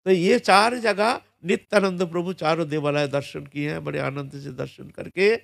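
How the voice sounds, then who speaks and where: A male religious storyteller narrates a sacred legend in an animated, conversational sermon. His voice is gravelly and sits somewhat high. It is recorded close to the mic in a dry space. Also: moderate pace, no room sound. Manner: animated, conversational, with frequent tag questions.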